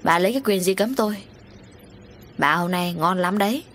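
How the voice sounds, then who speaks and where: A woman voicing a harsh, quick-tempered middle-aged husband who barks curt orders. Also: lowish voice, a little hiss or hum, close to an everyday voice. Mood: gruff. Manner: curt, barking.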